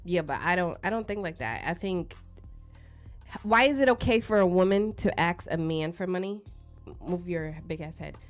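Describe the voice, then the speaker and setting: A woman in her thirties with a fairly low voice talks into a studio mic. She is blunt and outspoken, jokes through her points and breaks into loud laughter. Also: lively intonation, normal speed, faint music behind. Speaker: podcast co-host. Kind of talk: casual chat. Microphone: studio microphone.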